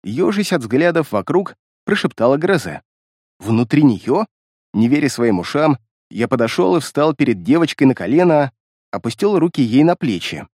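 A man reads a first-person fantasy audiobook with a fairly high, very animated voice that rises and falls with the story. The sound is dry and close, with no room around it. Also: normal speed, no echo. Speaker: audiobook narrator.

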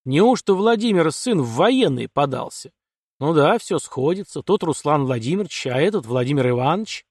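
A man voicing a gruff, gloomy older colonel and father in a storybook, speaking bluntly and grumbling. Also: on the high side, animated, brisk, no room sound, studio quality. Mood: scornful.

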